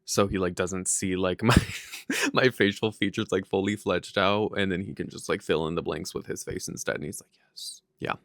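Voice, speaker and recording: A man's voice: sits low, steady tone, moderate pace, vocal fry, a bit bright, no echo, clean studio sound. A young man in his twenties chatting to camera in a sassy, joking, profane way. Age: young adult. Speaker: vlogger. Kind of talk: casual chat to camera.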